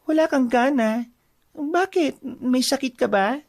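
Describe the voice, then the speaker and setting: A woman's voice: sits high, unhurried, darkish tone. A woman voicing an anxious young village wife who keeps questioning her husband, in a horror audio drama. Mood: pleading. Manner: questioning, pleading.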